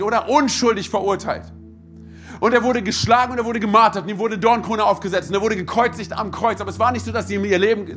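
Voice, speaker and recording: A man with a high-pitched voice delivers a sermon straight to his congregation. He talks with urgent emphasis, often breaking in with short calls for attention. Faint music plays behind him. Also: fairly bright tone. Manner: emphatic, punctuates with "hey" and "oder?"; pleading preacher, addresses congregation directly. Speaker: pastor.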